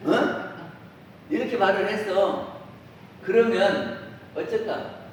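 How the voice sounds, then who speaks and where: Speaking slowly in a high voice, a Won Buddhist minister gives a dharma talk, turning to listeners with questions and acting out everyday quotes. The temple dharma hall echoes heavily, his voice is distant, and there's faint hiss.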